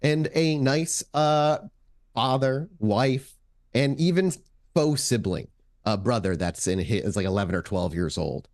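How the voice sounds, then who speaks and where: A man's voice: mid-range voice, unhurried, a little mellow, no room sound, studio quality. A man narrating as game master of a tabletop game, in a loose, chatty way with many fillers.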